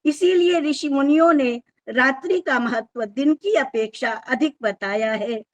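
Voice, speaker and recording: A woman giving a formal, measured lecture on scripture, explaining step by step and sometimes restarting words. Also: high voice.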